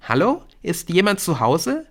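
A man's voice: sits high, wildly swooping pitch, unhurried, a bit bright, pitched above the performer's own voice, exaggerated voice. A man voicing a prying, affected teenage schoolgirl in an audiobook. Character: prissy gossiping teenage schoolgirl.

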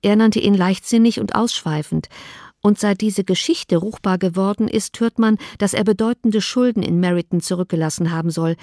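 A woman voicing a kind, gentle young woman who speaks in a soft, measured, conciliatory way in an audiobook reading. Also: medium pitch, no echo, clean studio sound, lightly acted.

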